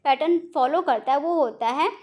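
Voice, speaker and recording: A woman's voice: high-pitched, moderate pace, a little mellow. A woman teaching an online exam-prep lesson, explaining step by step in Hindi mixed with English terms and correcting herself as she goes.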